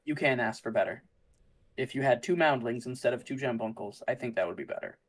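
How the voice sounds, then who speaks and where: A man's voice: mid-range voice, a little fast. A man casually commentating on a card game tournament, musing aloud about the plays as they happen. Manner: thinks aloud, musing and easygoing.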